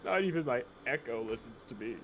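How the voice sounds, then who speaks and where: A man's voice: medium pitch, animated, a bit bright, slight background noise. A man playing a tabletop game, talking casually and jokily. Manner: quick, laughing, jokey. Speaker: player.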